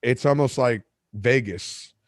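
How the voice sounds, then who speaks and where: Speaking slowly in a mid-range voice, a Spanish-first-language podcast host relates a long story. He's casual and rambling, with frequent asides and corrections, and the studio recording is clean and echo-free.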